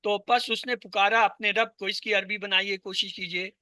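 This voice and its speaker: Bright high-voiced male teacher drilling. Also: level tone, dry recording. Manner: patient drilling, asks and repeats answers. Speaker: Arabic teacher. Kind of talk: online class teaching. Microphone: video call.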